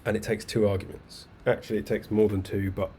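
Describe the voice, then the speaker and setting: Low-voiced man teaching code on a video call. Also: brisk. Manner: relaxed, chatty explaining with asides and fillers. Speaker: coding bootcamp instructor. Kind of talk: live online coding lecture. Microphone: webcam video call mic. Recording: faint background noise.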